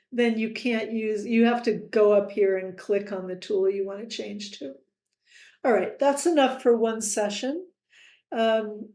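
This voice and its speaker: A woman tutoring software in a screen-recorded lesson, friendly, with quiz-style asides to the viewer. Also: mid-range voice, reverberant.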